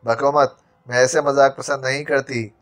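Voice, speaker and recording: A man's voice: mid-range voice, fairly even intonation, fairly bright tone, natural voice. A male narrator voicing a stern, impatient young woman who scolds sharply. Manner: scolding, brusque.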